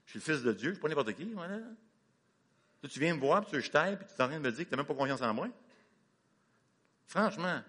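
A man's voice: a little high, lively intonation, quick pace, long pauses, fairly bright tone. A man voicing an imagined, exasperated Jesus rebuking a doubter. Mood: indignant. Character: indignant male Jesus scolding a doubter.

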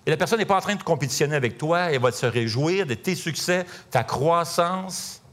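A man's voice: on the high side, expressive, fairly quick, a bit bright. Man, Québécois French accent, pastor, sermon, conversational storytelling, middle-aged. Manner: conversational, storytelling, many fillers.

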